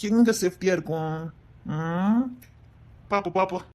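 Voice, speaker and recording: An actor voices a scheming young man from a Tamil web drama, speaking in a Tirunelveli accent. He wheedles and presses, always circling back to make sure he is understood. His tone is hushed and close, barely above a murmur. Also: high-pitched, measured pace. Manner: coaxing, insistent, keeps asking 'understand?'. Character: smooth-talking young man, manipulative, greedy blackmailer. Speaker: scheming boyfriend on a phone call.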